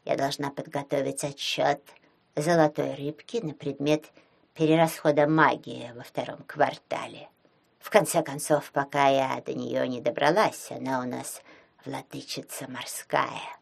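A woman voicing a lazy, bossy magical female pike with a slow, condescending drawl. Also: rumbling low, steady tone, vocal fry, breathy edge, pitched below the performer's own voice, heavily acted.

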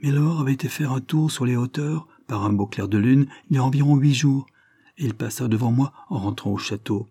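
A man's voice: medium pitch, a little fast, warm tone, slightly rough, no echo, studio quality, voice pushed up. A man voicing an old, loyal male estate steward who talks in an agitated, pleading way. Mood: fretful.

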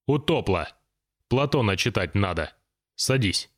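A man voicing a gruff, irritable businessman boss who talks bluntly and coarsely in an audiobook reading. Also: on the low side, lively intonation, unhurried. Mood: irritated.

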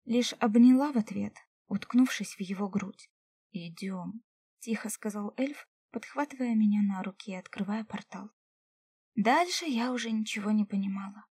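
Mellow, dry woman narrating an audiobook. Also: medium pitch, no echo. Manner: emotional, dropping to whispers. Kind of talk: first-person audiobook narration.

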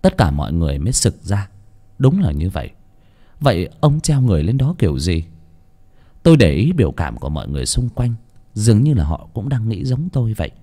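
Expressive male horror-story narrator. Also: lowish voice, brisk. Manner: dramatic, tense storytelling.

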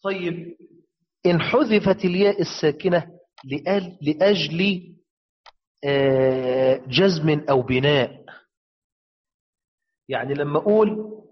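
In a slightly high voice, a man teaches a lesson on the variant readings of the Quran, explaining step by step, asking and answering his own questions, and slowly chanting example verses. The sound is lo-fi.

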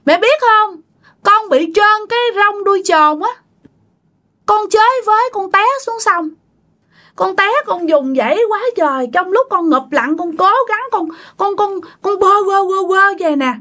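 A woman voicing the ghost of a drowned little boy, cold and hungry, pleading with his mother in a high wailing child's voice. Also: animated, unhurried, sharp tone, heavily acted.

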